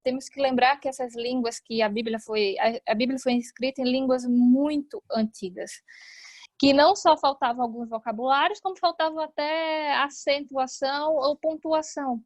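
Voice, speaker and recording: A woman's voice: high-pitched, fairly even intonation, moderate pace, no room sound. A woman with a Brazilian Portuguese accent, explaining a Bible verse and reading it aloud in an online Bible study.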